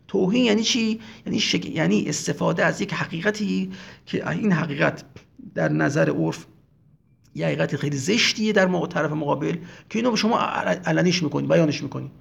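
A man's voice: high voice, creaky. A man giving an emphatic religious lecture, retelling scenes and acting out quotes. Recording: dull lo-fi recording.

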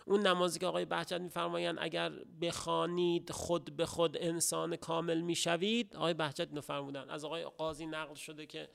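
A middle-aged man giving a religious lecture, speaking haltingly with pauses and restarts, then rising to emphatic stresses. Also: a little high, little pitch movement, vocal fry, a bit bright, smooth.

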